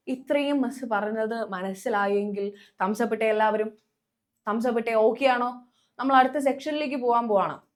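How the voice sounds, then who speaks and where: A young woman teaching a live online class with a Kerala Malayalam accent, coaxing her students with many quick questions. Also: mid-range voice.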